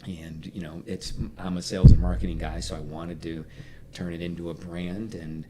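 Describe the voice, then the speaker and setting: A man telling an origin story in casual chat, energetic and animated, with quick bursts of speech. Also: low-pitched, heavy background noise. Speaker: brewer and event founder guest.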